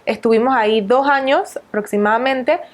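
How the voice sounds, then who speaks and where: Calm woman in her thirties recounting. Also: a little high, moderate pace. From Venezuela. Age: 30s. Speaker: guest nutritionist. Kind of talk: interview storytelling.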